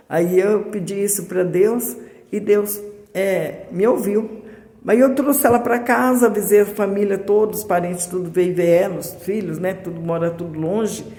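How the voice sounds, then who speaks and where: A woman giving a personal testimony to a church congregation, speaking in a halting, repetitive way and calling her listeners brothers and sisters. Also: mid-range voice, warm tone. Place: church hall. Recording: echoey church hall with long reverb.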